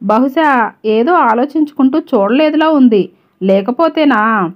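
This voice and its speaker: A woman narrator doing a timid young woman, hesitant and quiet, higher voice, muffled lo-fi sound, audio storybook. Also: lively intonation, a little slow. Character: timid troubled young woman office worker. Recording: slightly dull lo-fi recording.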